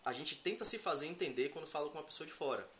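Male podcast host, Brazilian Portuguese with Bahian accent, slightly high bright voice, slangy, sweary, comedic. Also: lively intonation, very fast, a little hiss or hum. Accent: Brazilian Portuguese, Bahian from Salvador. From Salvador, Bahia, Brazil. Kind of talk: casual comedic podcast chat.

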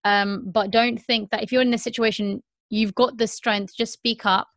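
A woman's voice: a little high, steady tone, moderate pace, fairly bright tone, no room sound, clean studio sound. A woman in her thirties hosting a candid podcast, talking earnestly with many repeats and "um"s. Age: 30s. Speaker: podcast host.

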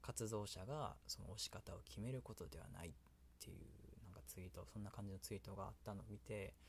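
A man's voice: lowish voice, fast, gravelly, a little hiss or hum. A man with a Kansai accent hosting a casual solo radio talk, rambling and often laughing at himself. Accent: Kansai Japanese. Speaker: solo radio host and creator.

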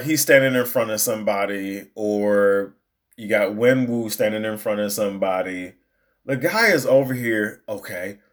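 He is a young man sharing a story off the cuff, lively and meandering, with plenty of restarts and asides. He speaks at a middle pitch for a man and keeps it casual throughout. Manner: animated, rambling, with frequent restarts and asides. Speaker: storyteller recounting a movie outing.

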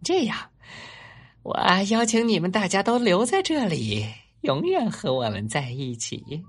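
A man voicing a clever, generous fox father in a children's story, speaking grandly and excitedly. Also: high voice, measured pace, breathy edge, pitched above the performer's own voice, full character voice.

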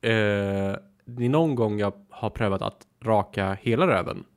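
A man's voice: on the low side, clear, resonant tone. A man co-hosting a podcast, chatting casually, teasing and giggly, candid about awkward topics. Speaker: podcast co-host. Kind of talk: casual chat.

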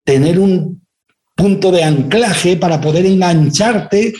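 A man's voice: high-pitched, takes it slowly, darkish tone. A man giving an inspirational lecture, often asking rhetorical questions of his listeners. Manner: acts out quoted voices in stories. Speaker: speaker giving a talk.

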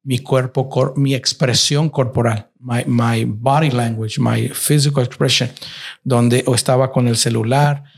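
A man's voice: mid-range voice, steady tone, a little slow, gravelly. A middle-aged man telling his grown child a reflective story about his marriage, slipping English words into his talk. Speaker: father and husband, guest. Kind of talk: casual family conversation.

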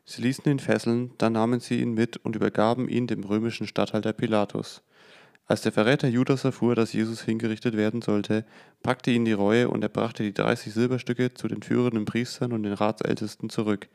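Male scripture reader, gravelly, steady plain delivery. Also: on the low side, fairly quick. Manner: steady plain reading with occasional self-corrections. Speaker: Bible reader. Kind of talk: reading scripture aloud.

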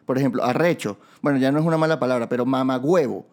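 A man's voice: mid-range voice, rapid-fire, a little mellow. A Venezuelan man hosting a podcast, chatting casually and joking with his guest. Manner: playful, joking. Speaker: podcast host. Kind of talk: casual chat.

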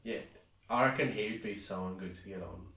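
A man's voice: on the low side, moderate pace, bright, forceful tone, reverberant, far from the mic. A man chatting as a podcast guest, laid-back with short agreeing replies. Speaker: podcast guest, friend of host. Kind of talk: casual chat.

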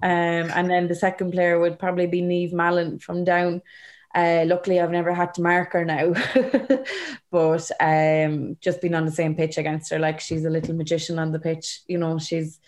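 A woman's voice: fairly low pitch, level tone, normal speed. An Irish woman being interviewed as a sports player, chatting casually and leaning on "like" and "you know".

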